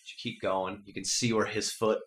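A man's voice: lowish voice, level tone, moderate pace, fairly bright tone, slight background noise. A man running a tabletop game as game master, narrating loosely with lots of fillers. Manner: loose, rambling descriptions with many fillers. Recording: echoey room.

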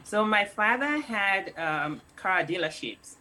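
A woman's voice: medium pitch, sing-song, slow pace, sharp tone, low-quality recording. A middle-aged woman from Nigeria, a snack company founder, chatting casually as an interview guest and laughing often.

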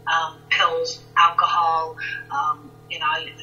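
A woman guest recounting a personal story in conversation, halting and intense, often repeating words. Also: sits low, monotone, bright, forceful tone, distant mic, highs cut off, soft background music.

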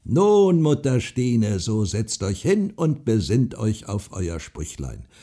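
A man voicing a stubborn, boastful old farmer who speaks gruffly and mockingly. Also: on the low side, very animated, slow pace, heavily acted. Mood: boastful, scornful. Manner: gruff, loud and mocking, drawn out.

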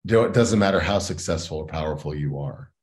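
Man, very low voice, earnest, reflective, educator guest on an interview show. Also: fairly quick, darkish tone. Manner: earnest and reflective, often adds "right?". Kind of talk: interview conversation.

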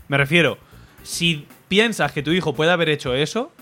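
Sweary man, bright voice. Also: fairly high pitch, animated, moderate pace, soft background music. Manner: blunt, sweary, jokey commentary. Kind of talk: casual podcast chat retelling a film.

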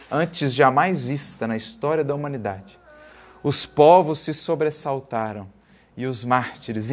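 A man giving an earnest religious lecture, reading a text aloud and explaining it line by line. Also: medium pitch. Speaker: spiritist lecturer.

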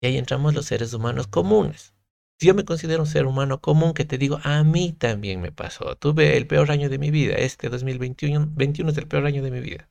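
Man guesting on a podcast, gravelly voice, earnest and emphatic, dry close mic. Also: a little high, brisk, a little mellow, no echo. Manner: earnest, reflective, emphatic storytelling with restarts. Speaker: podcast guest, content creator. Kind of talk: casual podcast conversation.

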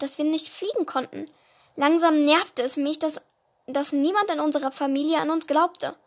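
High-voiced woman reading her story haltingly. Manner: halting reading, often restarting words. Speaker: storyteller of a podcast-style series.

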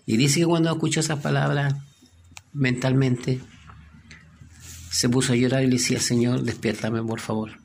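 A man preaching a sermon, telling a story and dropping to a hushed voice at its moving moments. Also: mid-range voice, gravelly, slight background noise.

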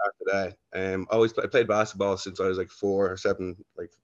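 A man's voice: sits low, level tone, fairly quick, no echo. A young Irish man telling his story as a podcast guest, in a laid-back, rambling way that keeps correcting itself. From Ireland. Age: young adult. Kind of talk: casual interview storytelling. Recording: dull lo-fi dry sound.

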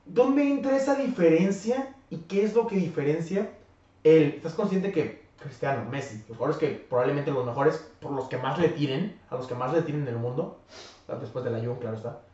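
A man's voice: a little high, animated, moderate pace, dark tone. A young man with a Mexican accent, questioning and pushing back in a casual podcast debate. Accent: Mexican Spanish. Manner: probing, questioning. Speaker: podcast co-host. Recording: very echoey room, distant mic, dull sound.

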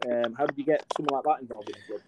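A man in his thirties from England hosts a casual interview, chatty and friendly and full of fillers. His voice sits at an average pitch. Clear background noise and keyboard typing run under his voice. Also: rapid-fire. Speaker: podcast host. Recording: noisy line with keyboard typing.

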